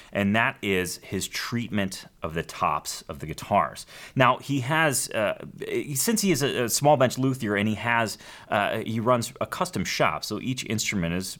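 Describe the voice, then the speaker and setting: A man hosting a podcast about acoustic guitars, upbeat and excitable, with jokes at his own expense. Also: on the low side. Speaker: podcast host. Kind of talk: enthusiastic show hosting.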